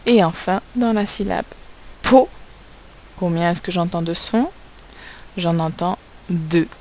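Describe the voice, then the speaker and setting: A woman's voice: on the low side, slow pace, a little mellow, a little hiss or hum, poor audio. A woman teacher giving a recorded phonics lesson to young pupils, carefully spelling out sounds and letters.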